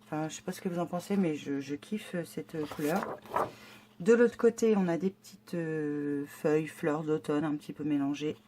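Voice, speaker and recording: Slight background noise accompanies a woman's low, mellow voice at a normal pace. She's a scrapbooking vlogger casually unboxing her monthly box, delighted by the contents but hesitant, restarting often and using lots of fillers.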